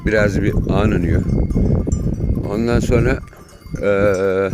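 Deep-voiced shepherd narrating outdoors. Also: male voice, slow pace. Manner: calm running commentary addressed to viewers. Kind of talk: casual vlog narration while herding. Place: outdoor hillside pasture under overcast sky. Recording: outdoor noise with bleating sheep.

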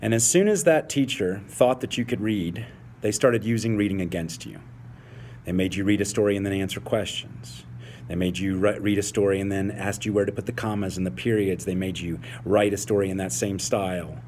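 A man's voice: lowish voice, brisk, a little mellow, a little hiss or hum. Passionate man in his forties. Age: 40s. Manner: passionate, emphatic, with repeated phrases. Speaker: English teacher. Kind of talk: talk to fellow teachers.

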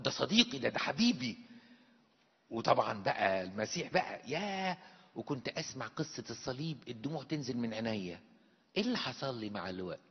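Husky Egyptian priest preaching in a church. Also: male voice, mid-range voice, in a large hall, dull audio. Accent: Egyptian Arabic. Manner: emphatic preaching full of rhetorical questions. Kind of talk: sermon.

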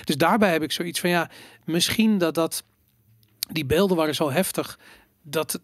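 A man talks in a casual podcast discussion, his voice sitting higher than most men's. He hesitates often and restarts his sentences. The sound is close and dry, with no room around it. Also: normal speed, fairly bright tone, no room sound. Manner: hesitant, many fillers and restarts. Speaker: podcast co-host.

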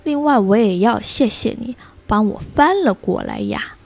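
A woman's voice: medium pitch, wildly swooping pitch, creaky, darkish tone, faint music behind. A woman voicing a sighing, frustrated turtle from a storybook, read to a toddler. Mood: amazed. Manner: slow, sighing, for a toddler listener.

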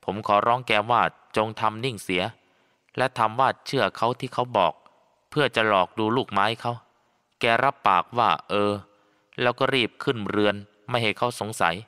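Male storyteller for a ghost-story audiobook, steady and bright-toned, with a long hall echo. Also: mid-range voice, moderate pace, clear, resonant tone. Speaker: audiobook narrator. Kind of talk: scripted first-person story narration. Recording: long reverb.

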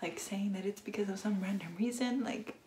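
A young woman whispers into her phone camera late at night at home, speaking at an ordinary, middle pitch. She sounds nervous and rambles, trailing off and restarting her thoughts as she talks. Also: steady tone, brisk, background noise. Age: 20s. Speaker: vlogger. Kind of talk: late-night confessional vlog.

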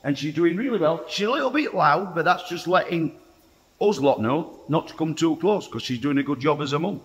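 A man's voice: a little high, animated, a little fast. A man in his forties with a Yorkshire accent gives a plain-spoken, chatty farm update from inside a pig barn, often stopping for "uh" and restarting his sentences. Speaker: farmer presenting a farm video. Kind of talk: casual walk-and-talk farm update. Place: indoor pig barn with pens and straw. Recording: long reverb of a large barn.

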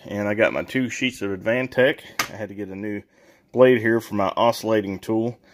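Chatting informally on his casual DIY renovation vlog, a channel host shows off tools and work inside a mobile home and at a workbench, laughing at his own jokes. His voice sits on the low side at a moderate pace, with slight background noise.

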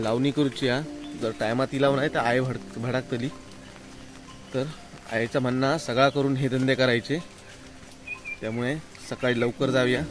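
A man in his thirties with a Malvani Marathi accent, chatting while walking, filmed selfie-style on a phone under an umbrella in the rain. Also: medium pitch. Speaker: village vlogger. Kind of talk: casual walking vlog. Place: rainy hillside forest, outdoors under an umbrella. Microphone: phone at arm's length, selfie. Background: rain and background music.

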